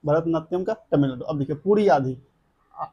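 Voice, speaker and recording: A man's voice: fairly high pitch, lively intonation, moderate pace, husky, muffled recording. A man, teaching an exam coaching lesson. He drills a memory trick through chanted repetition and keeps checking that the class follows.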